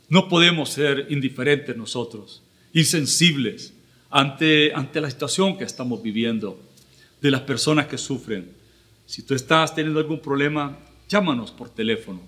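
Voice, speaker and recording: Earnest pastor, bright voice. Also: male voice, medium pitch. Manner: earnest, measured preaching with pauses. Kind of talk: sermon. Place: church livestream.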